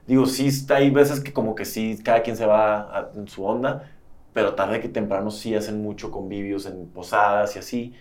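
A young man from Mexico with a northern Mexican accent, chatting casually as a podcast guest, relaxed and laughing easily. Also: fairly low pitch, moderate pace. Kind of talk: casual chat.

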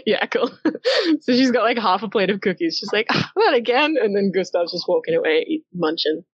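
A woman's voice: medium pitch, brisk, slightly rough, dry recording. A woman game master narrating a collaborative comic story game in a chatty, hesitant way with lots of fillers. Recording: dull, lo-fi and dry.

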